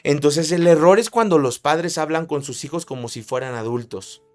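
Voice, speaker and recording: A man's voice: a little high, moderate pace, faint music behind. A man preaching a sermon, emphatic, repeating key phrases for emphasis. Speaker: pastor.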